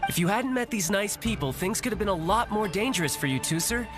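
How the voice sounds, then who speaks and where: An actor playing a polite but competitive young male warrior in a video game, smooth and teasing, with game music behind. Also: sits high, animated, fast talker. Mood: confident.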